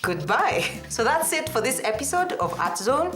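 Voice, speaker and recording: Female children's art presenter, lively pitch, instructive, echoey room with music behind. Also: moderate pace. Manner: simple, instructive, addressing children. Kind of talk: craft demonstration for children.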